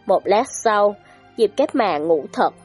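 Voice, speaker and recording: A woman reads a story aloud in a light, breathy voice that rises and falls with lively expression. Her delivery is dramatic and scripted, with faint music underneath. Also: mid-range voice, slow. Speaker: audiobook narrator.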